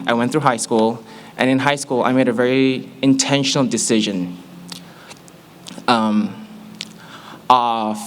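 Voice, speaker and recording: Speaking in an American accent, a Malaysian man of about twenty-one or twenty-two tells an audience a funny personal testimony with animated, playful flair. His voice is mid-range, and the recording carries a little hiss or hum.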